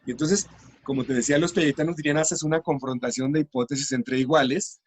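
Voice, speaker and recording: A man's voice: fairly high pitch, steady tone, quick pace, slight background noise. A middle-aged man, a teacher trainer explaining classroom practice patiently in an interview.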